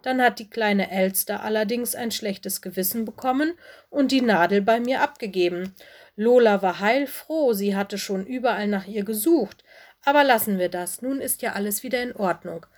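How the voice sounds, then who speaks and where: A lady doing a motherly fox headmistress from a kids' audiobook, gentle, a bit stern. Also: medium pitch, moderate pace, lightly acted. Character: motherly fox headmistress, busy but kind.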